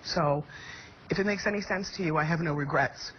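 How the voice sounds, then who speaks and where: A woman talk show host giving an earnest, measured personal testimony. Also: sits low. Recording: dull muffled audio with faint noise.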